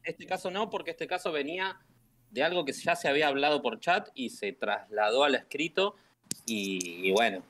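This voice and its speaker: It's a gamer talking with a streamer over voice chat: a man with a Rioplatense Spanish accent who rambles casually about a game, peppering it with "¿me entendés?". His pitch is fairly high and his tone fairly bright, animated but at normal speed.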